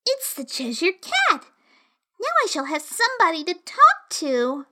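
A woman's voice: very high-pitched, wildly swooping pitch, a little slow, sharp tone, pitched above the performer's own voice, exaggerated voice. A woman voicing a curious young girl who complains in a prim, fretful way. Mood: anxious.

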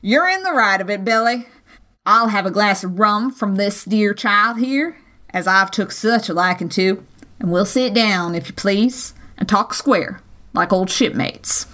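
A woman's voice: mid-range voice, lively intonation, a little slow, pushed and bright. A woman doing a sly, wheedling old pirate. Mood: coaxing. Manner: wheedling and sneering. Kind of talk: audiobook character voice.

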